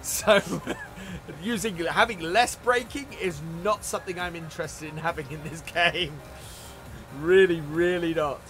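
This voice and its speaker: Bright, high-voiced man hosting a game stream. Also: a little slow, soft background music. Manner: chatty, greets viewers by name between game remarks. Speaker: livestream host. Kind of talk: casual gameplay live commentary.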